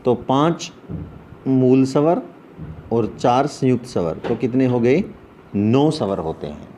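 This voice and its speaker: Slow, patient Sanskrit teacher, man. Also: medium pitch, animated, warm tone, slight background noise. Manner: slow, repetitive, asks questions then answers them. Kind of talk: online class lecture.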